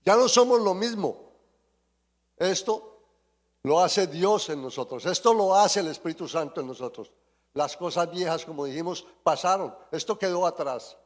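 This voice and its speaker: Man preaching in church, fairly high voice, long echo hanging in the hall. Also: expressive, normal speed. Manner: fervent prayer and preaching, repeating "Señor". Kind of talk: sermon. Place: church sanctuary.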